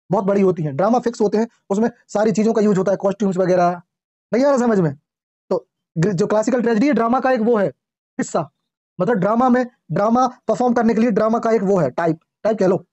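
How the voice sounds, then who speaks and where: Mellow-voiced male teacher, lo-fi. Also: sits high, no echo. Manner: reads English lines slowly, then explains in Hindi; quizzes the class with repeated questions. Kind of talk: classroom lecture. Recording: dull lo-fi classroom recording.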